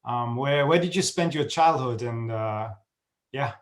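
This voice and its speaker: A man hosting a podcast, asking questions in a friendly, halting way with many fillers. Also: mid-range voice. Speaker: podcast host. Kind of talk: casual interview chat.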